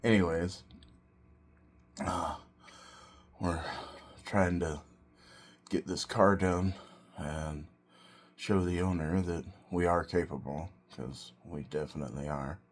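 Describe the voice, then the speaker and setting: A man with a very low voice talks through a casual solo vlog. He takes his time, speaking slowly in short, broken phrases with a reflective, halting delivery. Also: fairly even intonation. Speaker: vlogger and self-employed car restorer.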